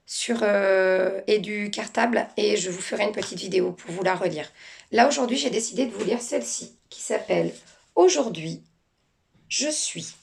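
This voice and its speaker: A woman teacher speaking gently and reassuringly to children as she introduces and reads a picture book. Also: mid-range voice, gravelly.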